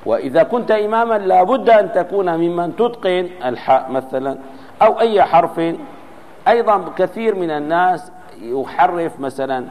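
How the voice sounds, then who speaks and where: A man's voice: high voice, lively intonation, a little fast, darkish tone. A man giving an Islamic jurisprudence lesson, explaining step by step, quoting texts and demonstrating how letters should be pronounced. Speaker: religious teacher. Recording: long reverb of a large hall.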